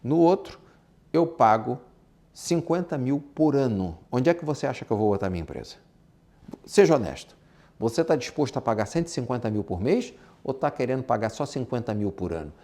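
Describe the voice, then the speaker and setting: A Brazilian-accented business instructor gives a brisk, informal lecture on exporting and business. His warm, mid-range voice has big pitch swings, and he speaks emphatically, repeating points and asking rhetorical questions.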